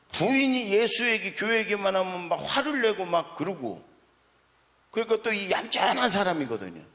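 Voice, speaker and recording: Male pastor preaching, storyteller type, swings his pitch widely while acting out dialogue; sanctuary reverb trailing behind. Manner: acts out quoted dialogue with lively swings in pitch; conversational, asides to the congregation. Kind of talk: sermon with storytelling. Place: church sanctuary. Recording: long hall reverb of a church.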